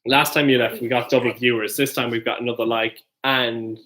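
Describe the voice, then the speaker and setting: A man's voice: mid-range voice, flat delivery, brisk, pushed and bright, a little hiss or hum. A young Irish man who has had a few drinks, chatting loosely and jokingly as co-host, full of restarts. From Ireland. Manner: rambling, loose and jokey, many restarts. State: tipsy. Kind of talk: casual chat.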